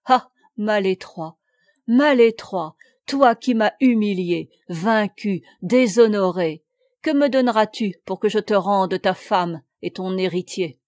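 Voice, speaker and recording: A woman voicing a brash, mocking huguenot captain, rough-voiced and boisterous from drink, in a read-aloud story. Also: fairly high pitch, animated, unhurried, a little mellow, no room sound, studio quality. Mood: gloating.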